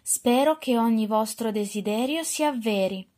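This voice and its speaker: A woman voicing a frail, poor old beggar woman in a storybook reading, speaking slow and trembling. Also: on the high side, warm tone, lightly acted. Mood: pleading, grateful.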